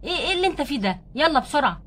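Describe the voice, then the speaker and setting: A tender but bossy young wife doll, played by a woman who coaxes and nudges in an Egyptian Arabic accent. Her high voice races along at a breakneck clip in a homemade doll-play story. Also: very animated, rapid-fire, fairly bright tone. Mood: coaxing.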